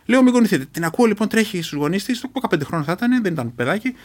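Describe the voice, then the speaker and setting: High-voiced Greek man recounting an ordeal. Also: animated. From Greece. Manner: earnest, emotional retelling with halting restarts. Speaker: interview guest, reserve commando. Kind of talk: personal recollection in an interview.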